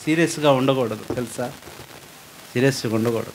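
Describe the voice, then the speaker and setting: A man's voice: medium pitch, a little fast, slight background noise. A man preaching at a youth meeting who speaks, asks the crowd questions and acts out the people in his stories. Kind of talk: Telugu sermon with jokes and anecdotes.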